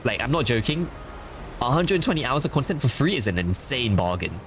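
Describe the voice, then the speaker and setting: A man streaming a game with casual, chatty, excitable commentary full of fillers. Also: mid-range voice, brisk, soft background music.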